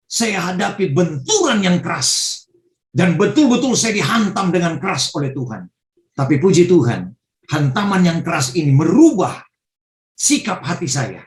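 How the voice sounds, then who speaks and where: A middle-aged man preaching, telling his testimony with emotional, fervent bursts. His voice sits high for a man. It comes through a video call with a roomy echo around it. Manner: emotional storytelling, fervent exclamations. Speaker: pastor. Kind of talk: testimony sermon.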